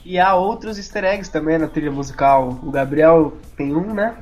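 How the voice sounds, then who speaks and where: A man's voice: on the high side, normal speed, a little mellow, lo-fi sound, faint music behind. A man co-hosting a podcast, chiming in with casual banter. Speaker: podcast co-host.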